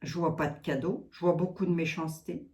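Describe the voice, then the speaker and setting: A woman's voice: fairly low pitch, fairly quick, a little mellow. A woman with a Lorraine accent giving a tarot card reading, musing aloud with trailing asides and frequent tags. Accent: Lorraine French.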